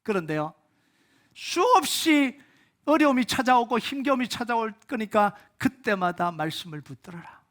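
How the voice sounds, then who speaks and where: A male pastor preaching a sermon, urging loudly at times and dropping to soft near-whispers, full of rhetorical questions. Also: high-pitched, expressive, fairly quick, few pauses. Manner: rhetorical questions, acts out inner voices.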